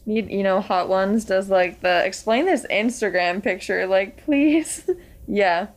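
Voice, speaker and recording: A woman's voice: mid-range voice, a little slow. A woman hosting a casual chat, asking teasing questions between giggles.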